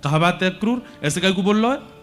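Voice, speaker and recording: Man, take on a heartbroken village mother with a Braj accent: soft and pleading, rustic speech, voice catching between hushed and urgent. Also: sits high, animated, fast, faint music behind. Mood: puzzled. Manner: pleading, tender, rustic dialect. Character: grieving village mother, tender and devoted.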